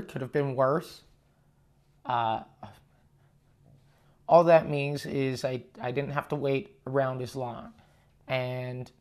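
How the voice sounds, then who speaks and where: A man hosting a casual solo podcast, rambling and halting with frequent swearing, recorded on a lav mic in an echoey room. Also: mid-range voice. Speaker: podcast host and touring stand-up comedian. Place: condo room, indoors. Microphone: lavalier plugged into portable recorder.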